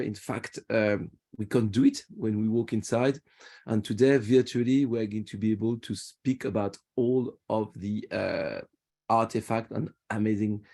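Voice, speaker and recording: Tour guide, male, Parisian French accent, low mellow voice, chatty over video call. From France. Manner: friendly, chatty, restarts phrases. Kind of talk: virtual museum tour talk.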